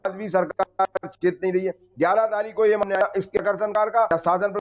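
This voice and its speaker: A man's voice: sits high, fairly even intonation, normal speed, faint music behind. A man speaking as an opposition party spokesperson in a heated TV panel debate, insistent and argumentative, his remote line choppy and breaking up with dropouts. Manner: insistent, argumentative, talks over others. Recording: dull lo-fi remote call audio.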